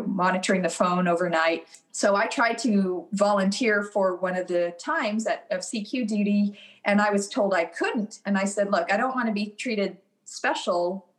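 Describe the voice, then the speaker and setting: A middle-aged woman, a former Army officer, telling stories in a casual interview and laughing at her own anecdotes. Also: medium pitch.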